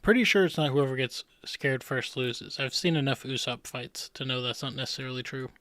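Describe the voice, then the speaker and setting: A man in easygoing, rambling streamer commentary, paging through comic panels and chuckling at himself. His voice is smooth and resonant. It sounds close and dry, with no room around it. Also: mid-range voice, fairly quick, a bit bright, dry recording. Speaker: streamer analyzing manga panels. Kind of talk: casual commentary.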